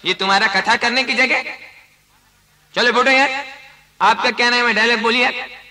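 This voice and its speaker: A comedian running an audition as a bossy director, scolding and calling people forward. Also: male voice, very high-pitched, steady tone, moderate pace, sharp tone, reverberant, poor audio. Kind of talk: comic sketch.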